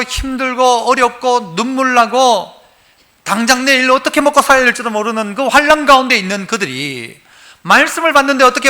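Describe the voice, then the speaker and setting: Pastor, male, very high tense voice, folksy call-and-response preacher in a church. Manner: lively, quizzes the congregation and prompts responses; folksy and humorous. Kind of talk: sermon. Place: church sanctuary, live service.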